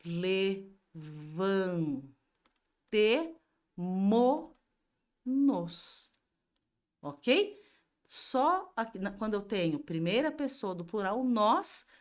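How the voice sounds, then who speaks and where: Speaking with a fairly high, expressive voice, a Brazilian Portuguese-accented woman teacher walks through a grammar review. Her manner is slow and explanatory, and she asks herself questions before answering each one.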